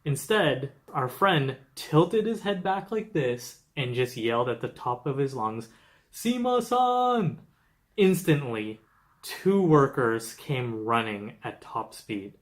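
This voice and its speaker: A man's voice: mid-range voice, slow pace, hardly any pauses, fairly bright tone. A young man from Canada narrating a scripted travel vlog, explaining things steadily with light humor. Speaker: travel vlogger.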